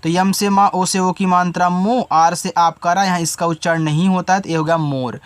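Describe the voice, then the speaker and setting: A man teaching beginners English spelling, reading out words letter by letter, slowly and patiently. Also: high voice, steady tone, smooth, dry recording. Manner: patient, coaxing teacher talk.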